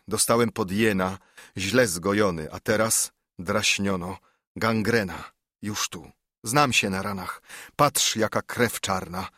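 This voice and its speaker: A man voicing a dying older monk, once a proud nobleman, giving a grave, measured confession in a verse audiobook reading. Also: on the low side, a bit bright, dry recording, studio quality.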